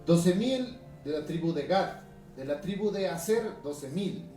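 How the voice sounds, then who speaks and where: Male Ecuadorian pastor, highland accent, conversational sermon, somewhat high voice, recorded off-mic in a reverberant hall. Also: expressive, measured pace, dark tone. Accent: Ecuadorian highland Spanish. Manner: conversational preaching, reading scripture aloud, frequent tag questions. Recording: echoey room from a distance, music behind.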